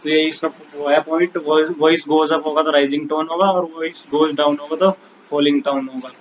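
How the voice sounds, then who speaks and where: A man teaching an exam-prep lesson in casual Hindi mixed with English, reading English definitions slowly and calling viewers bhai and guys. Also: a little high, little pitch movement, dull audio, a little hiss or hum.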